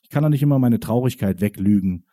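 A man's voice: fairly low pitch, fast talker, dark tone. A man in his forties performing spoken-word poetry with a rhythmic, wry, confessional delivery. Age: 40s.

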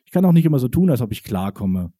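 A man's voice: medium pitch, very animated, quick pace, mellow, slightly rough. A man in his forties performing spoken-word poetry with a rhythmic, wry, confessional delivery. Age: 40s.

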